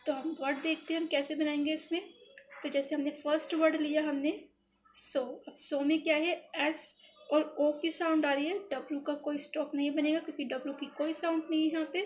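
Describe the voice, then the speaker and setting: A woman's voice: high voice, level tone, a little fast, a little hiss or hum. A woman teaching shorthand step by step, patient and repetitive, talking aloud as she writes, with English words in an Indian accent. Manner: repetitive, patient, thinking aloud while writing. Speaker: shorthand tutor. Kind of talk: step-by-step tutorial explanation.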